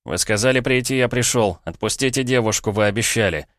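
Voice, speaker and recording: A man's voice: medium pitch, fairly quick, no room sound, clean studio sound, voice pushed up, close to an everyday voice. A man voicing a defiant, cool-headed young male mage who speaks firmly and steadily in a storybook reading. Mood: pleading. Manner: firm, steady, challenging.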